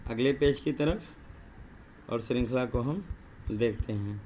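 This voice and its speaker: A male teacher giving an exam-prep lesson, explaining word pairs slowly and repeating them, often asking rhetorical questions. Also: medium pitch, warm tone, slight background noise. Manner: says 'dekhiye' and 'thik hai' often.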